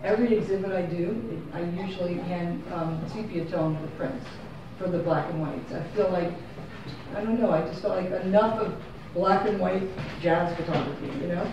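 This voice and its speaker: With only a far-off room camera and no microphone, this small gallery sounds very echoey, and steady background noise sits under the speaker. She's a photographer giving a casual, unscripted talk on her work, her voice on the low side at normal speed, rambling and self-correcting.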